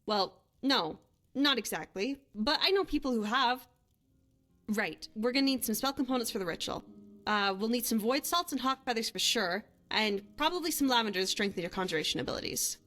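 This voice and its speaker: Brisk and animated, the fairly high, fairly bright voice belongs to an actress portraying a young woman hunter and adventurer, a bold companion haunted by guilt in a fantasy game. She coaxes casually in a natural way while music plays under her.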